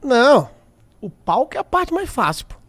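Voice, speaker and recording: A man's voice: extremely high pitch, big pitch swings, moderate pace, a bit bright. A young man from Brazil, a stand-up comedian guest on a podcast, telling stories animatedly, acting out quoted lines and swearing freely. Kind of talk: casual podcast chat.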